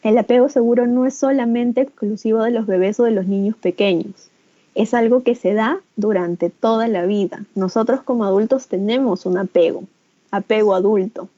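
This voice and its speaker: A woman's voice: fairly high pitch, normal speed, warm tone, no echo, lo-fi sound. A woman with a Peruvian Spanish accent giving an online teacher training lecture. She explains patiently, often adds "¿no?" and acts out caregiver phrases in a livelier voice. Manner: explanatory, with frequent "¿no?" tag questions. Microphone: video call.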